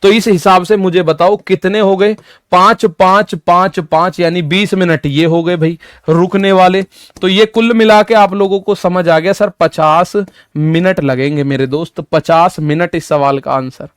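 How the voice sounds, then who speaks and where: A male maths teacher walks his students through an exam problem step by step, repeating each key point. His voice is high and smooth. It is recorded close and dry, with no room sound. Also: steady tone, measured pace, no echo. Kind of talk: online exam-prep maths lesson.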